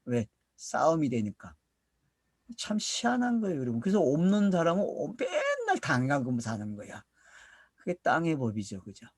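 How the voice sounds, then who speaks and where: A man's voice: on the high side, wildly swooping pitch, normal speed, slightly rough, dry recording, studio quality. A middle-aged man from South Korea preaching as a pastor, asking questions and answering them himself and drawing out words for emphasis. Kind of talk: sermon, Bible teaching to a congregation.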